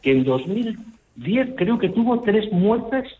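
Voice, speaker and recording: A man's voice: high-pitched, very animated, slow pace. Indignant male caller on the phone. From Spain. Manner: indignant, insistent. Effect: over the phone. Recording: tinny phone line.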